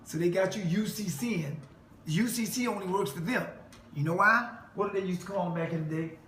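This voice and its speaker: A man's voice: high voice, brisk, fairly bright tone. A man delivering an emphatic preaching monologue to a listener, quoting scripture and laughing mockingly. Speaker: self-styled preacher. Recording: echoey room with faint noise.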